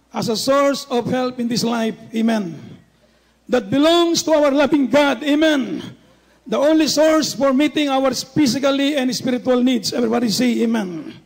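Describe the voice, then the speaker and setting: High-voiced preacher, fervent. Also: male voice, creaky. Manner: emphatic, repeatedly calls the congregation to say amen; switches between measured speech and fervent near-shouting. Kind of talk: sermon.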